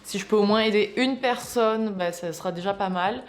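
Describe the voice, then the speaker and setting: A woman's voice: medium pitch, normal speed. A young woman vlogging at home, talking casually and candidly in slangy speech, openly irritated. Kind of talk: casual confessional vlog.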